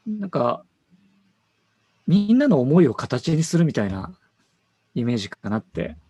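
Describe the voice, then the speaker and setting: Male designer, casual conversational read, husky gravel, animated intonation. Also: a little high, unhurried, no echo. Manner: relaxed, thinks aloud with fillers and self-corrections.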